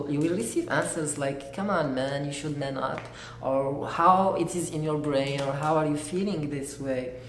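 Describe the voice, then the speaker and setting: Earnest young man, echoey room. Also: medium pitch. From Algeria. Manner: earnest, halting, searching for words. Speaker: graduate student giving testimony. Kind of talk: personal testimony. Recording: echoey room with faint noise.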